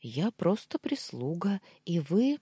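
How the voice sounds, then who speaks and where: A woman voicing a shy, eager young maid in her twenties, speaking in a hushed, pleading way. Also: lowish voice, sing-song, slow, slightly rough, no echo, clean studio sound, pitched above the performer's own voice, heavily acted. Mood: timid. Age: 20s.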